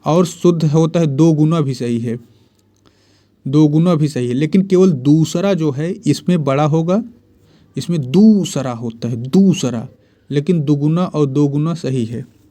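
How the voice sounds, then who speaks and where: Slow, mellow male Hindi tutor. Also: on the high side. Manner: drills words by repeating them, asks and answers his own questions. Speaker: Hindi grammar teacher. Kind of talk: exam-prep lesson.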